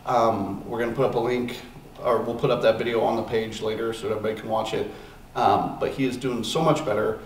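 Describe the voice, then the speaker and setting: A man's voice: on the low side, steady tone, fairly quick. A man hosting a podcast in casual chat, rambling with plenty of ums and uhs. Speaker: podcast host. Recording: echoey room, distant mic, faint noise.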